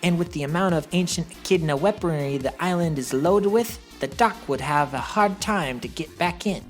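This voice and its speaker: A woman's voice: on the low side, moderate pace, faint music behind, natural voice. A woman playing a cocky young male hedgehog hero, narrating a comic dub with casual, wry asides. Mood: matter-of-fact.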